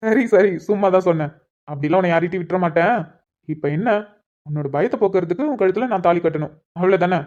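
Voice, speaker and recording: A woman's voice: fairly low pitch, fast talker, darkish tone, lo-fi sound, close to an everyday voice. A woman doing a teasing young police-bound lover. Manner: affectionate teasing, coaxing. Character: young man, police aspirant, teasing but tender fiancé. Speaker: male lead in a cartoon love story. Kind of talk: cartoon voice acting.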